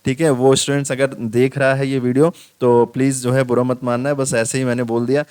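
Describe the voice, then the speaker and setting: Male tutor, smooth dry voice. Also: medium pitch, little pitch movement, a little mellow, dry recording. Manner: explains step by step, repeats "ठीक है" often; reads English questions out slowly. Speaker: exam tutor. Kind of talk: casual exam-prep lecture.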